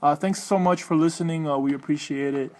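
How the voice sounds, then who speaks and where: A man's voice: a little high, a little fast, a little mellow. A man co-hosting a podcast in casual chat, joking and teasing his co-host playfully.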